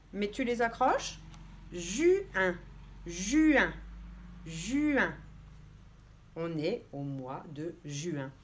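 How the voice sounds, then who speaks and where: A woman preschool teacher teaching young children, speaking slowly and clearly as she sounds out letters and gives gentle instructions. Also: medium pitch, slight background noise.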